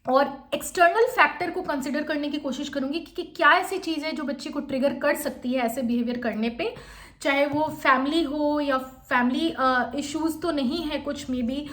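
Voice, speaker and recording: A young woman teacher who speaks fast, coaching interview candidates and modelling sample answers in an explanatory lesson. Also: high voice, a bit bright. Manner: fast-talking, admits speaking quickly.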